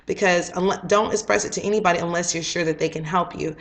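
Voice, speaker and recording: Woman in her late twenties, slightly low voice, casual spiritual teaching, keeps asking "okay?". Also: fairly even intonation, fast talker, a bit bright. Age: late 20s. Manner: conversational, often checks in with "okay?". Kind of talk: casual spoken teaching monologue.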